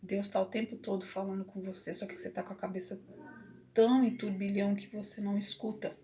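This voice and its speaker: A woman telling a personal story to camera, emotional and halting with many restarts. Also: mid-range voice, flat delivery, darkish tone. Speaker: vlogger. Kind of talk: personal confessional talk.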